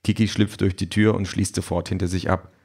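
A man's voice: sits low, little pitch movement, a little fast, a little mellow, breathy edge. A man narrating an audiobook with a dry, ironic delivery.

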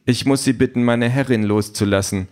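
A man's voice: mid-range voice, fairly quick, a little mellow, pitched above the performer's own voice, lightly acted. A man voicing a polite, protective female robot nanny who speaks in a formal, courteous way.

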